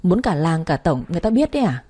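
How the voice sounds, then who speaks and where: A woman voicing a stern older male patriarch who barks reproaches, with a low husky tone. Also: sing-song, fast, dark tone. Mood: scolding. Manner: barking, frowning reproach.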